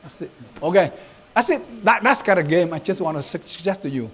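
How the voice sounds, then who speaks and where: A man's voice: sits high, animated, brisk. A man with a Vietnamese accent giving an informal training lecture as a Buddhist youth leader, talking loosely and often checking in with "right?". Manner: loose and conversational, mixing in Vietnamese phrases, frequent "right?" check-ins.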